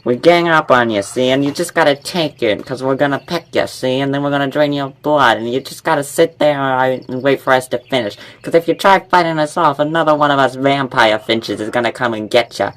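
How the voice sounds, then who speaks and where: A man's voice: medium pitch, a little fast, few pauses, fairly bright tone, lightly acted. A man voicing a threatening vampire finch who talks like an old-time gangster. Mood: menacing.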